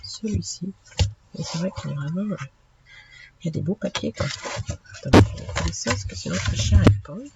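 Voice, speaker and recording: A woman with a gravelly voice shows her craft finds, unhurried and chatty. Plenty of hesitations throughout. The recording is dull and lo-fi, with clear background noise. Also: lowish voice. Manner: unhurried, chatty, many fillers. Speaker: craft channel host. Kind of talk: casual haul video.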